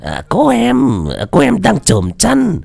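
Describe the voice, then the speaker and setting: A man voicing a lecherous old man with a slow, high, leering drawl. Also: wildly swooping pitch, creaky, darkish tone, husky, no echo, full character voice. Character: lecherous old man chasing young women.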